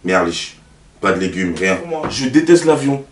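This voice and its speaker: A man's voice: sits low, unhurried, recorded from a distance, a little hiss or hum. Slangy young French-accented man telling stories. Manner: slangy, animated, addresses viewer directly. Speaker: YouTuber. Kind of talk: casual storytelling to camera. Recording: roomy, away from the mic, faint music.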